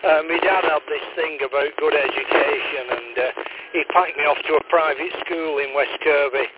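A friendly man in his sixties from Wigan, chatting over amateur radio with a fairly high voice for a man. He talks easily and hands back the turn politely. The sound is thin and phone-like, with clear static under it. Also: fairly even intonation, moderate pace. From Wigan, England. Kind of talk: casual radio chat. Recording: tinny radio link with static.

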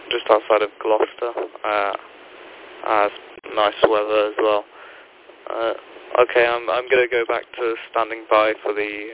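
A man with a low, flat voice answers over a two-way radio, thin and phone-like with a faint hiss behind it. He hesitates often, filling gaps with uhs and ums as he works through call signs. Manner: hesitant, with many fillers. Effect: heard over a two-way radio. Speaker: amateur radio operator.

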